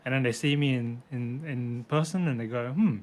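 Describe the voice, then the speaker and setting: A young Australian man chats easily on a podcast, with a mid-pitched voice and a quick laugh. He tells stories with relaxed, self-deprecating asides. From born in Hong Kong, raised in Brisbane, Australia. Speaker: physiotherapist guest. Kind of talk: casual podcast chat.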